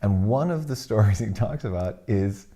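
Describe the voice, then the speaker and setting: A man's voice: lowish voice, expressive, normal speed, dark tone. A man co-hosting a casual chat, wry and rambling as he tells stories. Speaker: podcast co-host.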